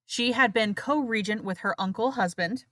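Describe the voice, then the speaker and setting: A woman's voice: a little high, moderate pace, a bit bright, no echo, studio quality. A woman co-hosting a history podcast, narrating with sarcastic, indignant asides. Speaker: podcast co-host. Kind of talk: casual history podcast chat.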